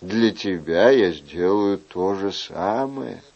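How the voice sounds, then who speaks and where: A man reading an audiobook, voicing a weary, wry middle-aged king in a soft, measured way. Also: deep voice, expressive, vocal fry, highs cut off, pitched below the performer's own voice, full character voice.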